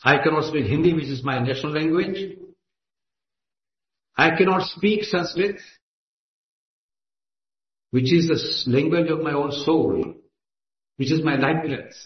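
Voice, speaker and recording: At a meeting in an assembly hall, a man with an Indian accent, a native Gujarati speaker, delivers an emphatic, declamatory, impassioned speech. His voice is on the high side, unhurried, with frequent pauses, and the hall recording is echoey and lo-fi.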